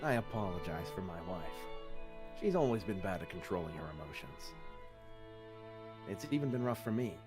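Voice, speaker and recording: A man's voice: low voice, very animated, moderate pace, long pauses. A man reading the part of a detached husband apologizing for his wife, with music behind. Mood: dismissive. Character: calm aloof male head of household. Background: music playing.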